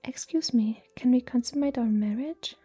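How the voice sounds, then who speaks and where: A woman's voice: a little high, moderate pace, warm tone, husky, no echo. A woman voicing a poor, clever young mortal man who asks things politely and earnestly, as whispered role-play.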